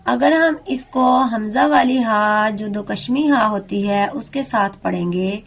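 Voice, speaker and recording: Gravelly-voiced woman teaching tajweed. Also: medium pitch. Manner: slow, careful demonstration of letter sounds. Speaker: Quran recitation teacher. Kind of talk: beginner tajweed lesson.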